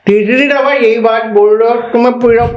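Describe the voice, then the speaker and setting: A man, a podcast guest who jokes and teases in brash, rapid banter and talks over the host. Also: very high voice, steady tone. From Karachi, Pakistan. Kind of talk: joking banter. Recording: roomy studio echo.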